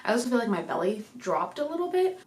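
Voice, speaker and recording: Her fairly high voice swings widely in pitch and moves quickly as this young woman gives a rambling, casual pregnancy update to camera at home. She sounds slightly breathless, uses lots of fillers, and the desk mic picks up room echo.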